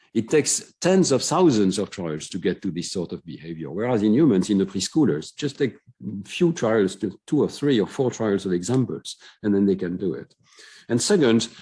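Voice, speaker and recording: A middle-aged man giving a conference lecture, explaining research findings with frequent "uh" fillers and clear enthusiasm. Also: on the low side, dark tone.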